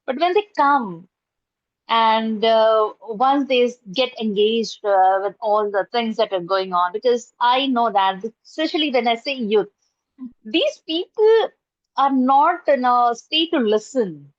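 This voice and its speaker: Over a lo-fi, dry video call, a middle-aged Indian woman answers interview questions with real earnestness, stumbling through plenty of fillers and restarts. Urdu is her first language, she speaks with an Indian accent, and her voice sits on the high side at a slightly slow pace. She's a college professor and trainer appearing as a guest from indoors at home, with a curtain behind her.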